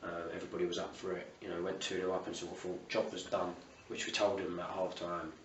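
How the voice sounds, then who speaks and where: A man's voice: deep voice, monotone, quick pace. A man with a south-east English accent giving a colloquial, matey post-match interview as a football manager, peppered with "you know". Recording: roomy, distant mic, faint ambient noise.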